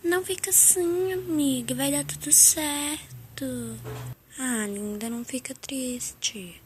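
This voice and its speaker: A woman's voice: sits high, takes it slowly, a little mellow. A woman voicing a gossipy, blunt young woman doll who reassures her friend, recorded at home with a noisy background. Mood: reassuring. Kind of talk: doll play-acting.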